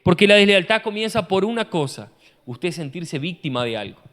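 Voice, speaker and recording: A man, a pastor preaching an animated sermon full of rhetorical questions, recorded in a church hall. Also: sits high, moderate pace. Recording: long church-hall reverb.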